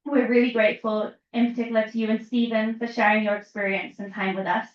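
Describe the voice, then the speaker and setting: A woman's voice: a little high, flat delivery, quick pace. Woman moderating in an echoey room. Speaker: panel moderator. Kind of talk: hosting a panel discussion. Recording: echoey, distant, dull sound.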